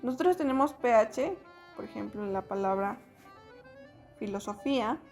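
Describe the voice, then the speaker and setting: A woman's voice: a little high, lively intonation, moderate pace, a little mellow, soft background music. Woman teaching. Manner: patient explaining, many fillers. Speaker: French teacher. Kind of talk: spoken lesson.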